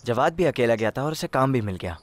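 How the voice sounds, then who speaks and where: A man's voice: medium pitch, expressive, fast talker, natural voice. A young man voicing a son who firmly insists on leaving home, in a film dub. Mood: determined. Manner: earnest, determined. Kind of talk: Urdu film dub acting.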